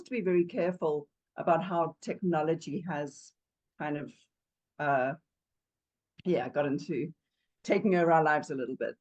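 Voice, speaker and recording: A Zambian yoga teacher in her sixties tells her life story as an interview guest, her fairly low voice captured in poor audio. She's chatty and digressive, laughs warmly, and sometimes searches for words.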